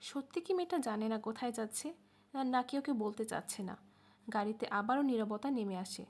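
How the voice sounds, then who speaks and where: A woman narrating an audiobook novel in a steady storytelling manner. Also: on the high side, normal speed. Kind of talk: scripted narration.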